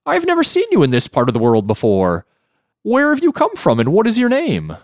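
Man reading as a bright, wide-eyed storybook monkey. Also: high-pitched, wildly swooping pitch, fairly quick, dry recording, studio quality, pitched above the performer's own voice, exaggerated voice. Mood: curious. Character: curious, friendly male monkey in a tree.

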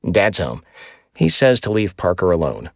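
A man doing an inquisitive teenage boy, low and gravelly. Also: sing-song, moderate pace, fairly bright tone, no room sound, clean studio sound, heavily acted. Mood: questioning. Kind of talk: audiobook character voice.

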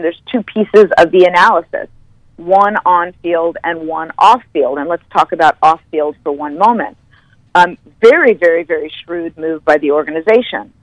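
A woman football analyst telling stories as a podcast guest, animated and stopping to correct herself. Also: lowish voice, no echo, poor audio. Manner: animated storyteller, corrects herself mid-sentence. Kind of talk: podcast interview.

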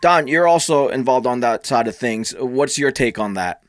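A man moderates a panel, asking long, carefully worded questions with polite deference. His mid-pitched voice sounds close and dry, with no room echo. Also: lively intonation, moderate pace. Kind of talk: panel discussion.

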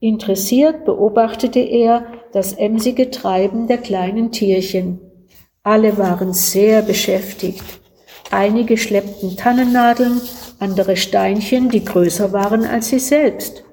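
A woman calmly reading a devotional Christmas story aloud, slow and gentle. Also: mid-range voice, a little hiss or hum.

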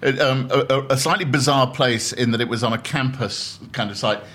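A man's voice: medium pitch, fairly quick, a bit bright. Wry, frank man in casual chat. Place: restaurant table.

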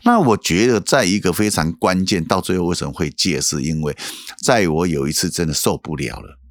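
A man with a Taiwanese Mandarin accent, a pastor telling his life story in an interview, halting and repeating words, often asking "you know?". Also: low voice, no room sound. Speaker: pastor guest recounting his past. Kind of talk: emotional testimony in casual interview.

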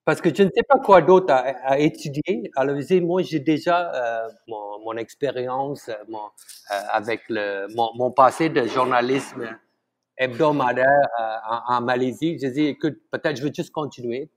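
A middle-aged Malaysian man, a guest chef whose first language is Tamil, speaks with a Malaysian accent in a casual, conversational interview. His pitch is medium. He talks haltingly, full of fillers and restarts, and chuckles often.

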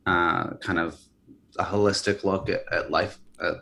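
This interview features a company founder in his early 30s, from California and Hawaii, whose low-pitched voice is gravelly and a little slow. He talks in a relaxed, hesitant way full of fillers and restarts, with slight background noise behind him.

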